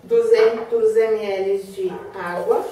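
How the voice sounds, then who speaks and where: A woman hosting a cooking demonstration, chatting with viewers and giving her helper quick asides. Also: medium pitch, steady tone, noisy background. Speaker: cooking show host. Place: kitchen. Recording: echoey room, mic far off.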